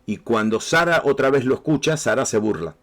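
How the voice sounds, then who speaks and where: A pastor with a Rioplatense Spanish accent preaches a sermon, speaking straight to the congregation in a conversational way and often repeating his words. His medium-pitched voice is animated, brisk, and a bit bright.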